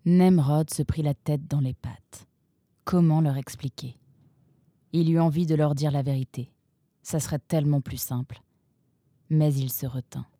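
A woman reads a storybook in a calm, even manner. Her voice sits fairly low, and the recording is dry and close. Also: measured pace, long pauses, no room sound. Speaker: narrator. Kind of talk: scripted storybook narration.

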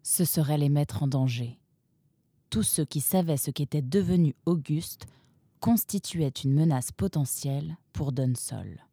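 A woman narrating a storybook in a calm, even storytelling manner. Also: sits low, a little slow, slightly rough, no room sound, studio quality.

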